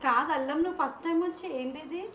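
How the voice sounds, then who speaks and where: A woman's voice: sits high, racing, a bit bright. A woman, worried and urging in a comic prank skit.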